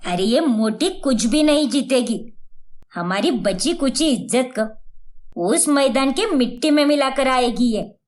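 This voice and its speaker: A woman voicing a sharp-tongued, mocking mother-in-law in a cartoon story, full of taunts and insults. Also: high voice, animated, unhurried. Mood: scornful.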